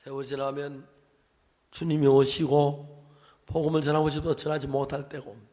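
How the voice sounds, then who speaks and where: An older man preaching a sermon as a pastor, emphatic, swinging between loud exhortation and quiet asides, often checking in with the congregation through rhetorical questions. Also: a little high, flat delivery, a little fast, long reverb tail.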